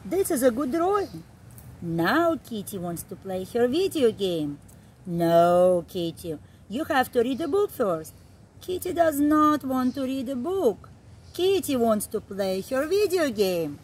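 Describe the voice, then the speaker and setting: Sitting on a garden seat in an outdoor backyard, a middle-aged woman who tells stories to young children reads a picture book aloud. Her voice is on the high side with a breathy edge, and her delivery is expressive and deliberate, emphasizing simple phrases.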